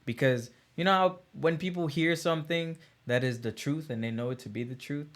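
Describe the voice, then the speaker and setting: A man from Guyana hosting a podcast, talking in a relaxed, affirming way with lots of "man" and "like". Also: on the high side, fairly quick. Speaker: podcast host, military veteran. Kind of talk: casual podcast chat.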